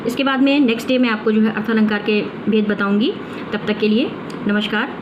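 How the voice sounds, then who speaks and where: A woman's voice: medium pitch, fairly even intonation, fairly quick. A woman teaching a grammar lesson, explaining step by step and answering her own questions. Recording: muffled with clear background noise.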